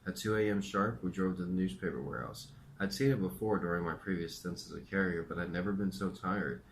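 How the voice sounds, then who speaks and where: Deep-voiced man reading his memoir. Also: brisk, creaky, slight background noise.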